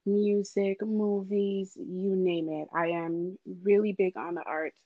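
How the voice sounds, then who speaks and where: A woman from Haiti, a podcast guest, introducing herself in a casual, earnest way with frequent pauses. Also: mid-range voice, flat delivery, dry recording, phone-quality sound.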